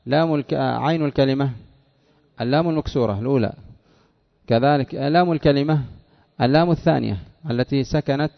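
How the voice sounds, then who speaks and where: A man with a gravelly voice leads a classroom lesson, asking his students quick questions and answering them himself. He drags key words out slowly to drill them. The recording sounds dull and lo-fi. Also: medium pitch. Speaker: Arabic morphology teacher.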